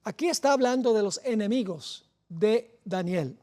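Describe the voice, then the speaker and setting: A woman preaching a sermon, with deliberate phrasing and rising emphasis on key words. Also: mid-range voice, expressive, dark tone.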